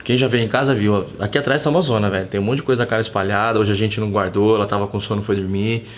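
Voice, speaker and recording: A Brazilian man hosting a live stream from his home, chatting casually in a slangy, animated way and telling stories with quoted dialogue. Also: fairly low pitch, very fast, a little hiss or hum.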